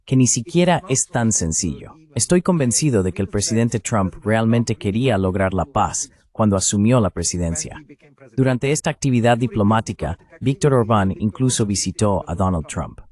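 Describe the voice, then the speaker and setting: A man's fairly low, slightly mellow voice carries a Spanish voice-over of interview responses. He explains political analysis carefully, using short, emphatic phrases.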